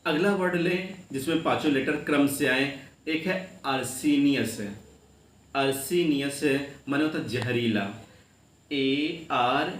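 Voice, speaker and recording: Man spelling words out for students. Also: medium pitch. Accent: Uttar Pradesh Hindi. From India. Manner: addresses students warmly as children. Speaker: lecturer. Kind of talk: classroom grammar lesson. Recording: echoey room with faint background noise.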